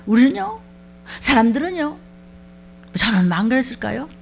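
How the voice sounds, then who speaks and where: Woman pastor, fairly high gravelly voice, lively conversational sermon, faint hum behind. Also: moderate pace. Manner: lively, conversational preaching with rhetorical questions.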